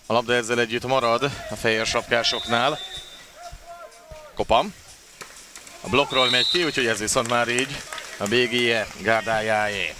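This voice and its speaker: Male live sports commentator, mid-pitched, play-by-play, noticeable venue noise. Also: steady tone, pauses often. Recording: clear background noise of an outdoor venue.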